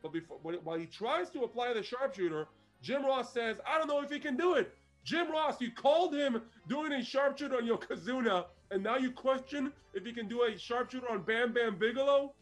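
A man with a fairly high voice, telling the story of a wrestling match in an animated, chatty way and laughing often. Faint music sits in the background. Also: fairly quick, hardly any pauses. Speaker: podcast co-host. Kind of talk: casual wrestling recap chat.

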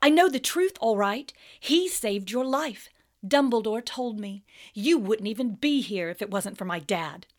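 A woman's voice: sits high, very animated, normal speed, few pauses, bright, forceful tone, pitched above the performer's own voice, exaggerated voice. A woman reading aloud and voicing a defiant teenage boy, sounding strained and raised. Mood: angry.

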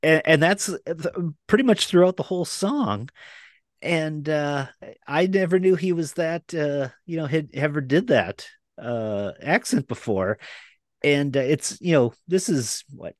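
A man's voice: a little high, expressive, unhurried, no echo, clean studio sound. A man in his forties from Minnesota, a podcast guest chatting casually, rambling with many fillers and laughing as he talks. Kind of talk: casual chat.

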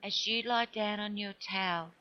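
A woman narrating a guided relaxation meditation in a soothing way, with short phrases and long pauses. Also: mid-range voice, steady tone, highs cut off. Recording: music behind the voice. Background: music.

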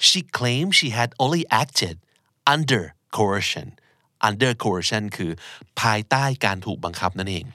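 A man's voice: fairly low pitch, lively intonation, bright, forceful tone, no echo, studio quality. A man teaching English vocabulary in a casual lesson, patiently explaining each word and repeating it. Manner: patient, explains words slowly and repeats them.

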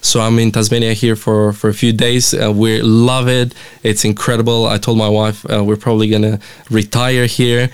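A young man with a Romanian accent and a low, smooth, clear voice. He chats in a friendly way, stopping and restarting often as he talks. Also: level tone, normal speed, hardly any pauses. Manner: friendly, hesitant with many fillers and restarts. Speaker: mission representative, guest. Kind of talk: casual interview chat.

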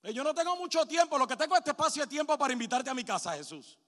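A woman's voice: high voice, lively intonation, rapid-fire, voice pushed up. A woman preacher voicing a desperate father begging for his dying daughter, stammering and pleading in a reverberant hall. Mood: coaxing. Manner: pleading, stammering repeats, swings from shouts to hushed sobs.

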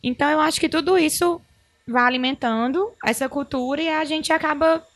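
Brief: quick, animated woman, slightly high voice. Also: dry recording. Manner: animated, fast-talking, opinionated. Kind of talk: casual chat.

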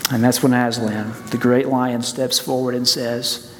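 A man's voice: mid-range voice, level tone, normal speed, slight background noise. A man preaching a sermon as pastor, earnest, in a church sanctuary. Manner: earnest, preaching then praying. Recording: church hall reverb, soft music.

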